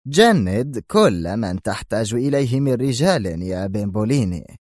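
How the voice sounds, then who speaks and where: A man reading aloud as a furious old mafia boss, slow, heavy, shouting, voice pushed well above his low natural tone, dry close sound. A storybook villain who barks every order. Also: very animated, no room sound. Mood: stern. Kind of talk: audiobook character voice.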